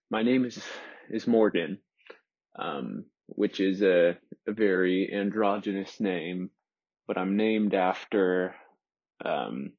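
On a dull lo-fi recording, a 21-year-old man reflects aloud by himself in a room. His gravelly, low voice has a breathy edge, and he talks softly and haltingly, with frequent pauses and fillers.

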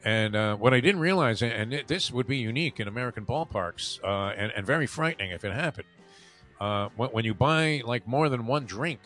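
A man's voice: medium pitch, lively intonation, brisk, a bit bright, soft background music. Older male host telling rambling stories. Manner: rambling storyteller, many fillers and restarts. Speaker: radio show host. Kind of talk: casual radio chat.

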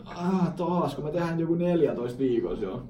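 A man's voice: a little high, warm tone, reverberant, recorded from a distance. A man co-hosting a casual podcast from an office, rambling, laughing often and dropping in English phrases. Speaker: podcast co-host.

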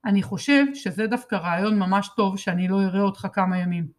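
A woman's voice: medium pitch, steady tone, lightly acted. A woman voicing a bossy, mocking teenage older brother in a storybook reading. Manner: taunting, sneering.

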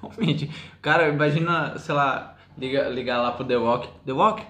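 A man's voice: medium pitch, moderate pace, fairly bright tone. A man hosting a casual podcast, moving topics along and speaking to the listeners. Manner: steers the talk, addresses listeners. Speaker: podcast host. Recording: echoey room, faint noise.

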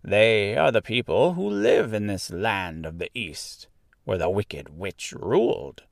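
Here a male actor voices a storybook's tiny old woman, a gentle, even-tempered good witch, fully in character. His explaining is calm, slow and stretched, the pitch roaming widely with occasional creakiness, captured dry in studio quality.

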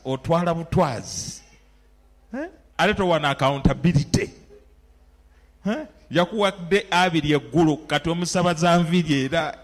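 Ugandan preacher, high and lively. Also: male voice. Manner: mixes in phrases of a local language. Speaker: pastor. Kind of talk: sermon.

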